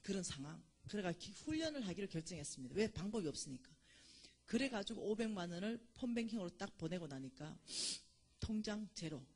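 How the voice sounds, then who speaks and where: Lady telling her story at church, husky voice, swings up and down a lot. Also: medium pitch, a little fast. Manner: animated storytelling, acts out quoted voices. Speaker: church lecturer. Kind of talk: testimony lecture.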